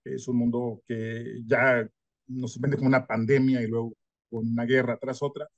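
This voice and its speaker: Older historian, dry sound. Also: male voice, medium pitch, little pitch movement, moderate pace, no echo, lo-fi sound. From northern Mexico. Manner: thoughtful, frequent tag questions, light self-deprecating humor. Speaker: historian guest. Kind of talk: reflective interview answer.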